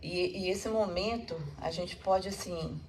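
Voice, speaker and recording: A woman with a Brazilian accent giving a spiritual public lecture, retelling a story in a lively way with frequent tag questions. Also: fairly low pitch, a little slow, slight background noise. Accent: Brazilian Portuguese. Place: meeting hall.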